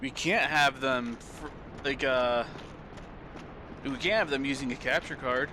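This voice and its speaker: A young man streams from home on a desk mic, giving loose, rambling commentary as he plays and swearing casually. His voice is medium-pitched at a measured pace, and the background is noisy, with loud game music behind him.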